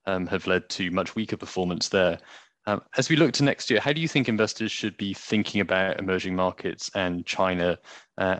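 Deep-voiced man hosting a podcast interview. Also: a bit bright, no echo. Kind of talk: conversational interview.

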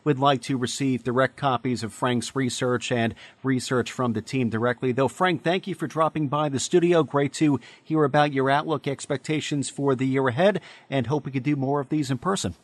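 Male podcast host, mid-pitched, dry studio sound. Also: fairly even intonation, normal speed, few pauses, dry recording. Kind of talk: professional interview wrap-up talk.

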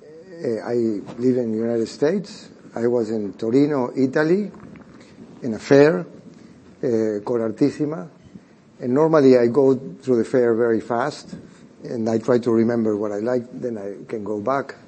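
A man from Argentina, an art collector telling a story on a panel, often pausing with "uh" and restarting phrases. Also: mid-range voice, dark tone, a little hiss or hum. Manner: hesitant, restarting phrases with frequent "uh". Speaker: private art collector, guest.

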